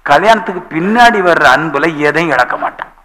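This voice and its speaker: A male pastor preaching a sermon in a church, telling lively stories and acting out the voices of the people in them. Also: fairly high pitch, a little fast, low-quality recording.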